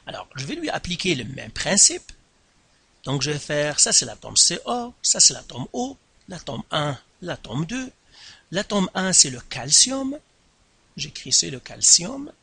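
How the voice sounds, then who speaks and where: A man teaching a science lesson, speaking slowly and deliberately, repeating and stressing each term with jumps in pitch. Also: very animated, gravelly, bright, forceful tone, slightly rough, dry recording. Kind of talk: classroom lesson explaining at a board.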